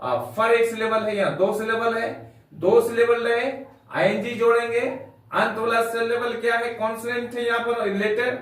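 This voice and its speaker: A man's voice: extremely high pitch, fairly even intonation, normal speed, fairly bright tone. A man teaching English grammar, spelling words out letter by letter and calling his students dear children. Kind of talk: classroom lesson. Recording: very echoey room, mic far off.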